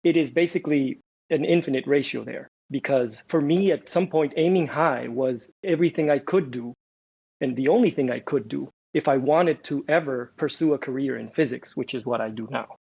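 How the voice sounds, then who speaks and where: Husky-voiced man on a dull, lo-fi line. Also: medium pitch, moderate pace, a little mellow. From Honduras. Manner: thoughtful, explanatory, with some restarts. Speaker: guest, physics professor. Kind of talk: casual interview talk. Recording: dull, lo-fi remote audio.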